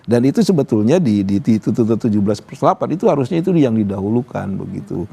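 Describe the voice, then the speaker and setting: Very animated and fast, this low, warm, slightly rough male voice carries vocal fry. He's an activist guest on a live TV talk show in the studio, talkative and casual, sprinkling in "gitu" and "apa namanya" constantly.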